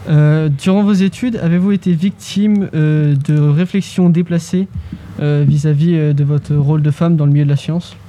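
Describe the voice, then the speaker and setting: A man reading out prepared interview questions in a formal, halting way. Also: on the high side, steady tone, mellow.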